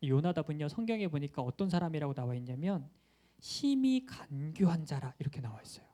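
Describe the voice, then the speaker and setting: A man's voice: fairly high pitch, sing-song, fairly quick, mellow. A young male pastor giving a playful children's sermon, asking questions and acting out quotes.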